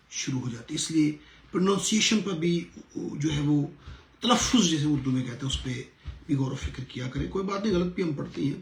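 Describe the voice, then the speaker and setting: Gravelly-voiced pastor teaching, echoey room. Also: male voice, on the high side, a little hiss or hum. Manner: earnest, repeats words slowly to show correct pronunciation. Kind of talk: sermon-style lesson.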